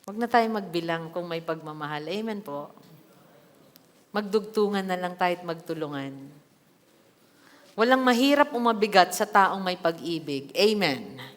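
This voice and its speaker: A woman pastor preaching a sermon in a church hall, reading scripture and adding lively asides with acted quotes. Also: on the low side, normal speed, pauses often. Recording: long hall reverb.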